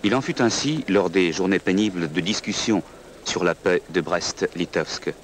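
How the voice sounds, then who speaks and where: A man with a deep, low voice narrates a historical documentary. His delivery is measured and solemn, and clear noise runs through the soundtrack, like an archival film. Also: low-quality recording.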